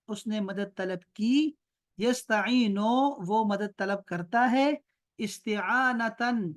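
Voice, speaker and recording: A man with an Urdu accent leads an online grammar lesson. He explains patiently and slows right down to chant verb forms one by one. He often stops to check that his student understands. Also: high-pitched. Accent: Pakistani Urdu. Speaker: Arabic grammar teacher.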